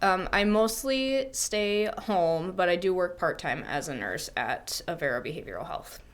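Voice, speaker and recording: Soft-spoken woman, slightly low voice. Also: expressive, moderate pace. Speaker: podcast guest. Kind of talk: casual chat.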